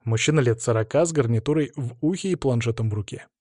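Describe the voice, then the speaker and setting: A man narrating a story in the first person in a steady, measured way. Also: medium pitch, no room sound, clean studio sound.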